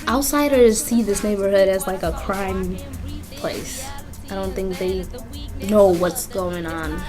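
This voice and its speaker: A woman's voice: mid-range voice, slow pace. A young woman from Kenya, talking earnestly and reflectively in a casual interview at a community center. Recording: music playing under the voice.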